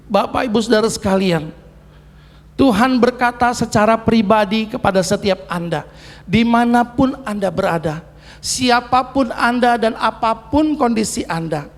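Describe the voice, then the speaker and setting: A man's voice: very high voice, long reverb tail. A middle-aged man, preaching a sermon in earnest, short, repeated phrases. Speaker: pastor.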